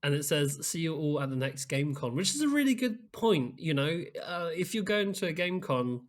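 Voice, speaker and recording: A man's voice: a little high, very animated, normal speed. Man, rambling podcast co-host. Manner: rambling, many fillers like "like" and "um". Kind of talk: casual chat, reading listener messages.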